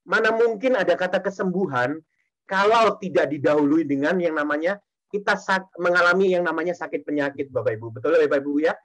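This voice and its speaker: High-voiced man preaching a personal testimony. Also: brisk, fairly bright tone, rough recording. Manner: repeats phrases and keeps addressing the congregation. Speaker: speaker giving testimony. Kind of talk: testimony sermon.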